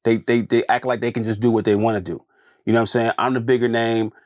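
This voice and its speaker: A man's voice: lowish voice, little pitch movement, fast talker, a little mellow, dry recording. Chatty man with dry close sound. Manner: conversational, repeats phrases, frequent "you know what I'm saying". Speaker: podcast host. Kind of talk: casual solo commentary.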